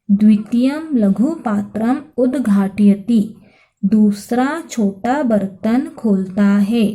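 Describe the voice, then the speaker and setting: Slow, dark-voiced woman teacher. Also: medium pitch, poor audio. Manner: reads each Sanskrit phrase then translates it slowly, repeating lines. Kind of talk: explaining a Sanskrit lesson in Hindi.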